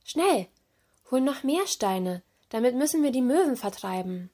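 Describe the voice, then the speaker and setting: Woman doing a storybook big-sister mermaid, brisk and caring, slightly raised. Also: on the high side, darkish tone, close to an everyday voice. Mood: urging.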